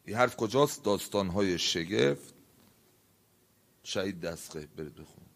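A man preaching a sermon, telling a story with acted dialogue and swinging from hushed tones to loud outbursts. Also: low voice, expressive, creaky. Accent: Iranian Persian.

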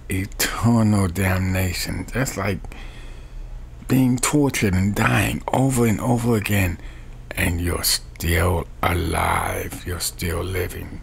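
A middle-aged man preaching a webcam sermon from a small bedroom, with a slow, repetitive preaching cadence. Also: deep voice, gravelly, a little hiss or hum. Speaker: street preacher.

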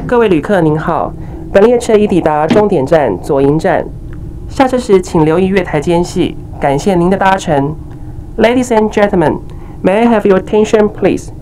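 A woman making a formal, clearly spoken prerecorded announcement over a train's loudspeaker after a chime. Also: fairly low pitch, expressive. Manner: slow, formal, clearly enunciated. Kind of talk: prerecorded public address announcement. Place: inside a moving high-speed train. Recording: loudspeaker voice with loud train noise.

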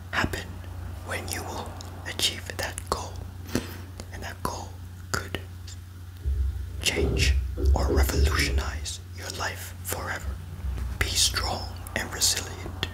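A young man whispering soothing, encouraging affirmations as an ASMR host. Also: low-quality recording.

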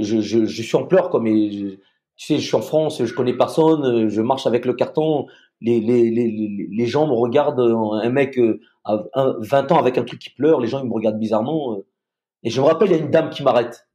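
A man from Madagascar telling a personal story as a podcast guest, halting and repeating words, acting out the people he quotes. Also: mid-range voice, mellow.

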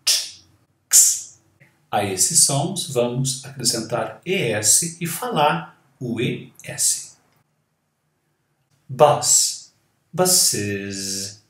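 A Brazilian man who speaks Portuguese natively, teaching English grammar and slowly repeating each example word. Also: medium pitch, fairly bright tone, echoey room. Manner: models words slowly and repeats them. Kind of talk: slow, deliberate grammar lesson.

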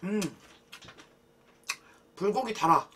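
A woman's voice: medium pitch, takes it slowly. A woman in her forties hosting an eating show, chatting casually with her mouth full of meat. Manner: relaxed, talks between bites. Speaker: mukbang host. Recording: slightly distant mic with faint noise.

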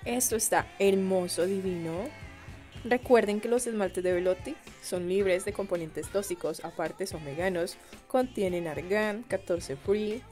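A young woman with a Colombian accent talks through a beauty unboxing in a chatty, gushing voice of middling pitch. She exclaims often and addresses her viewers directly. Faint music plays behind her. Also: measured pace, a little mellow. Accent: Colombian Spanish. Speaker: beauty vlogger.

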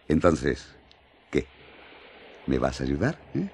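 An actor playing John the apostle, an earnest, excitable man who speaks emphatically and coaxingly in a radio drama. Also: a bass voice, a little hiss or hum, exaggerated voice. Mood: teasing, coaxing. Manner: emphatic, halting with eagerness, coaxing. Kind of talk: radio drama acting in colloquial Spanish.

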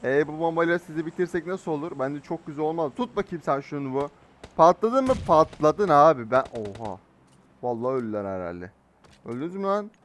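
Excitable joking male gamer, high-pitched. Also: fast talker, slight background noise. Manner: excitable, teasing slang-filled banter. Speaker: mobile game streamer. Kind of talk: live gameplay commentary. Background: faint game gunfire.

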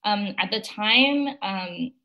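A woman's voice: mid-range voice, lively intonation, takes it slowly, highs cut off. A young woman from China, an opera singer, talking casually in an interview over a video call, thoughtful and dotted with fillers. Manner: thoughtful, with frequent fillers and light laughs.

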